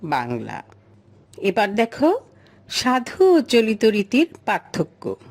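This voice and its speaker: A woman teacher walks her class through a chart. She speaks slowly in a fairly high voice that rises and falls a great deal. She puts questions to the pupils and then answers them herself. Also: a little mellow. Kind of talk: classroom lesson explaining a chart.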